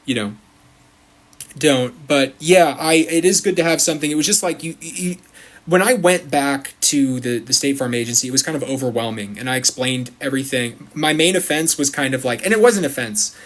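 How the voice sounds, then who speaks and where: A man talking casually on a livestream, his thoughts wandering from one to the next. He breaks off often to welcome viewers, and his pitch sits in an ordinary middle range. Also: moderate pace, a bit bright. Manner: rambling, chatty, greets viewers mid-sentence. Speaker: livestream host.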